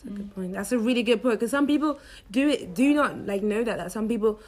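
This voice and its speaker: A teenage girl hosting a casual podcast chat with friends, energetic and teasing. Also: on the high side, fast. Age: teens. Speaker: podcast host.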